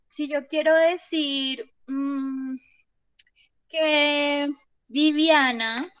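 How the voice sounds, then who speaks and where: A woman teaching an English class, explaining with many examples and checking in with her students. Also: high-pitched. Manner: chatty, explains with examples, asks "¿listo?". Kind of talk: classroom lesson.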